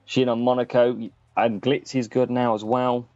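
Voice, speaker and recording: Here a streamer who hosts a gaming channel talks loosely through a live stream, addressing viewers by name. His delivery is flat and measured, his voice medium in pitch with a darkish tone and no room sound. Faint music plays behind, and the audio is muffled and lo-fi.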